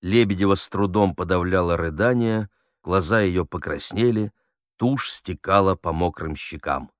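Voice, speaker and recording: A man narrating a novel in a measured, expressive reading. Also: low-pitched, dry recording, studio quality. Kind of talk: audiobook narration.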